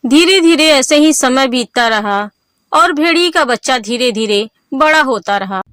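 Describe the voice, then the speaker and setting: Smooth-voiced woman narrating a cartoon. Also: sits high, expressive, measured pace, fairly bright tone, dry recording, clean studio sound. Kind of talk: scripted storybook narration.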